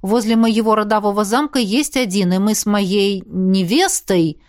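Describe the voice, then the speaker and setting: A woman voicing a polite, reserved young male aristocrat student with a measured manner. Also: mid-range voice, close to an everyday voice.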